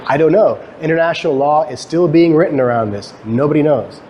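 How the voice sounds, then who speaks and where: A Guyanese-born academic researcher living in Canada lectures students at a fairly quick pace, his voice a little high with a dark tone. He talks conversationally, raising questions and answering them himself. The clearly noisy live lecture recording has its highs cut off.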